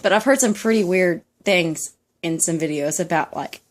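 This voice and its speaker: A woman's voice: fairly low pitch, moderate pace, a little hiss or hum. A young woman with a Southern American accent chatting casually to camera at home, rambling with many ums and laughing often. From Southern United States. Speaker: vlogger. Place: home room, dog nearby.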